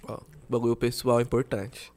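A man's voice: mid-range voice, level tone, normal speed, a little mellow. A man co-hosting a casual chat, slangy and swearing, laughing often. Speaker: podcast co-host.

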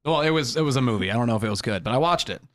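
A man with an average-pitched voice trades jokes on a podcast. He is quick to laugh and keeps things upbeat. The recording is dry and close. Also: expressive, a bit bright, no echo. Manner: jokey, laughs often, upbeat. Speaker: podcast co-host. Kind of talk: casual podcast chat.

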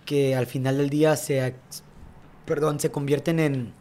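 His voice is mid-range and darkish, with little movement in pitch. This young tennis coach, a podcast guest, reflects quickly on his story in a casual chat, frequently tossing in "¿sabes?".

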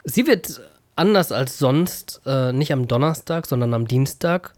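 A man co-hosts a podcast. He talks in a casual, playful way at an average pitch. The sound is very dry. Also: lively intonation, measured pace, dry recording. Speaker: podcast co-host.

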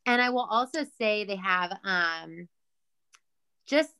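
Young woman guest, bright smooth voice, candid and excited. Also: mid-range voice, takes it slowly. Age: young adult. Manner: candid, enthusiastic. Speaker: podcast guest. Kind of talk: casual chat.

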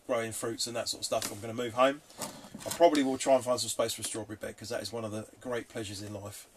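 A man's voice: mid-range voice, steady tone, quick pace. A man from England with a southern English accent, chatting informally as a podcast co-host, thinking aloud in a matey way. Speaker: podcast co-host on allotment gardening. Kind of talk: casual chat. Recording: noisy background, rain on roof. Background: rain drumming on the roof.

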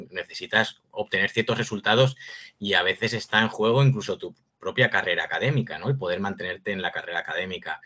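A man talks as a guest researcher in a panel discussion. His voice is bright and on the low side, and he reasons in a measured way with small hesitations. The sound is dull and lo-fi. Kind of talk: explanatory panel talk.

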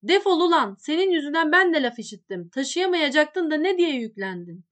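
Woman voicing a male servant, angry, scolding, shouting, high voice, storybook reading. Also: quick pace, natural voice.

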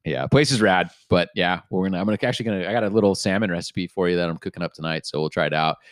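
A man's voice: deep voice, racing, dry recording. A young man hosting a podcast in a studio, talking in a laid-back casual way and filling his speech with "dude" and "like". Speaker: podcast host.

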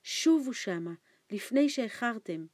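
A woman reading an audiobook, voicing a frightened, starving old man who talks in anxious, hushed pleas. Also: no room sound, lightly acted. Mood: fearful. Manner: anxious hushed pleading, raised pitch. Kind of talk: audiobook character voice.

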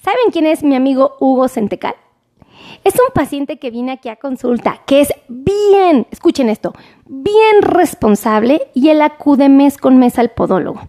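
A Mexican woman doctor hosting a live stream, chatting warmly and greeting viewers by name. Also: sits high, expressive, unhurried. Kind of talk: casual live-stream chat reading viewer comments.

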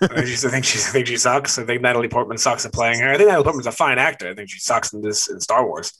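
A young man co-hosting a podcast, chatting casually and excitably, often restarting his sentences. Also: mid-range voice, rapid-fire, breathy edge. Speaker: podcast co-host.

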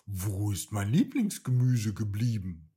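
Storybook bunny: small, brave young rabbit, high and fretful, voiced by a man, lively rises and falls. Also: a little slow, husky, heavily acted. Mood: fretful, eager. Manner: excited, fretful exclamations.

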